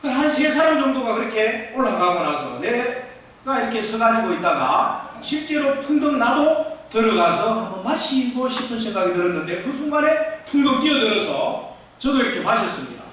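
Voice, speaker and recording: A male pastor giving a fervent revival-meeting testimony, shouting out exclamations. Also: very high voice, very animated, moderate pace. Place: church hall. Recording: echoey church hall, from far off.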